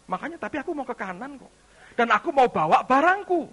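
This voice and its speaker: A pastor doing a sly, wheedling devil. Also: male voice, very high-pitched, sing-song, quick pace, pushed and bright, voice pushed up, heavily acted. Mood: arguing. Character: sly bargaining male devil, casual slangy.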